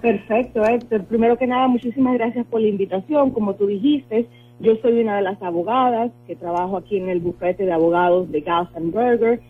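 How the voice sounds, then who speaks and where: A woman's voice: mid-range voice, brisk, a little hiss or hum. A woman from the Dominican Republic with a Dominican accent, a lawyer explaining her work earnestly with many fillers in a radio interview. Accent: Dominican Spanish. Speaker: lawyer, guest. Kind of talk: radio interview over the phone. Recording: tinny phone line with faint music.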